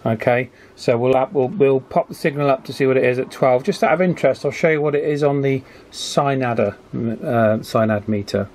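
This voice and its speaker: An electronics hobbyist works at an indoor workbench, showing how to align a radio in a casual, hands-on tutorial where he thinks aloud informally. His voice is medium-pitched and darkish, moving at a moderate pace with few pauses. Workbench background noise comes through clearly on the recording.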